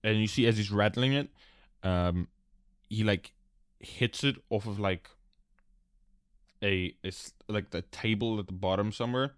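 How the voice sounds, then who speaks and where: Male game master, casual narration with fillers; low voice, dry. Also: a little slow, long pauses, smooth, no echo. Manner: casual, many fillers, describing scenes.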